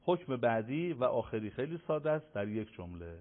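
A man's voice: mid-range voice, sing-song. Recitation teacher, male, stretches and chants sample words, thin phone-like sound. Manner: drawn-out sung demonstrations of example words. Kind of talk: explaining recitation rules on a broadcast. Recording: narrow phone-like broadcast audio.

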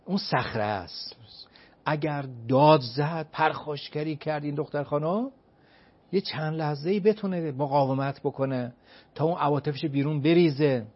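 An emphatic expert guest with a slightly high voice gives an explanatory advice talk, heard in a dull lo-fi recording. He asks his own rhetorical questions and answers them, counting off his points one by one.

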